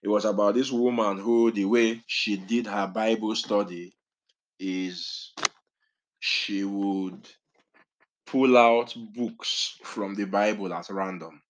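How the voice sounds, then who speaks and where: Male Bible teacher, low voice, chatty and digressive delivery. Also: steady tone, slow. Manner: conversational, self-correcting, digressive.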